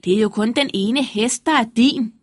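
A woman's voice: on the high side, dry recording, studio quality, natural voice. Woman voicing stern, bossy rich farmer. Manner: stern, scolding.

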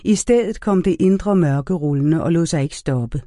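A man reading a novel aloud as an audiobook narrator in a measured, even storytelling manner. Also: fairly high pitch, no echo, studio quality. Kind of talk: scripted narration.

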